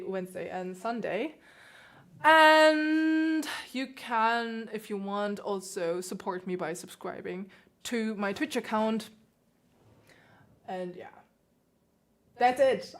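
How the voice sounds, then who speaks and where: A woman's voice: fairly high pitch, fairly bright tone. Chatty woman pianist hosting a livestream. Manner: chatty, laughs often, answers chat questions. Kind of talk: casual livestream chat.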